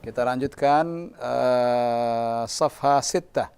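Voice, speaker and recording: A man with an Indonesian accent teaching Arabic in a live lesson, drawing out model phrases slowly for students to repeat. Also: mid-range voice, creaky, darkish tone, smooth. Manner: slow, drawn-out model pronunciation of Arabic phrases.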